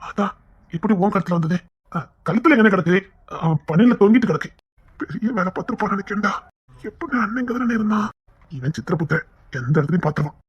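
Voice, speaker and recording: Husky-voiced woman doing all the family parts in a serial, scolding then sweet. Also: mid-range voice, expressive, fast, highs cut off. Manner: switches between brotherly scolding and tender coaxing. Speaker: storyteller voicing a whole family.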